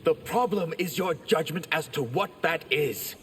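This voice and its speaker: A man with a fairly high, natural voice speaks a little slowly, playing a proud warrior in a fantasy video game who addresses his ruler earnestly and formally. His mood is grave and resolute in this dramatic game performance. The recording carries long reverb, loud noise and clicks.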